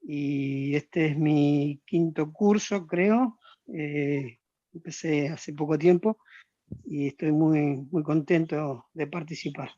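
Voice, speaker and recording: Man, higher voice, slow, dry muffled call. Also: warm tone, dry recording. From Argentina. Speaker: student. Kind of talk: class self-introduction.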